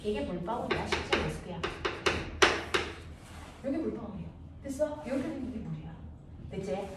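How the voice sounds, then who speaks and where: A woman teaching a middle school science class, playfully asking quick check questions and drawing answers from her students. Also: mid-range voice, expressive. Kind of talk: classroom lesson with call-and-response questions. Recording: echoey room, distant mic, background noise.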